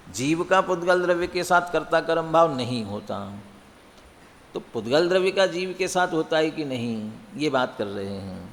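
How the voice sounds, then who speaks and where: A man teaching a religious text, explaining by posing and answering his own questions and chanting verses slowly. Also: on the high side, fairly bright tone, long reverb tail. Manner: chants scripture slowly and deliberately. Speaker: scripture teacher.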